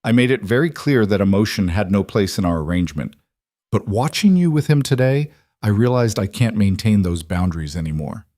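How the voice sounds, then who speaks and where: A man's voice: lowish voice, sing-song, brisk, mellow, no echo, clean studio sound. A man playing a controlling, jealous mafia boss husband who talks with tight, restrained intensity. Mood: raw.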